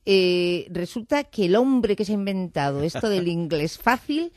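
A woman's voice: lowish voice, animated, unhurried, a little mellow, no echo. A woman interviewing a guest in a studio, chatty and teasing. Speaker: radio interviewer. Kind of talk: casual interview.

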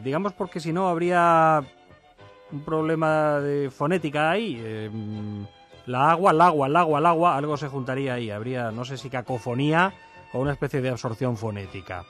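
A man's voice: mid-range voice, a bit bright. A man explaining a grammar rule on a radio show, thinking aloud and repeating examples. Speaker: language columnist. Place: radio studio. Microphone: studio mic.

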